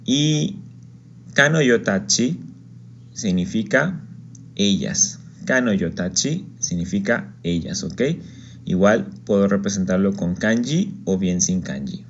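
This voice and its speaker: A man's voice: on the low side, expressive, slow pace, dull audio, slight background noise. A man teaching an online Japanese lesson, patiently explaining step by step and often checking in with "ok?".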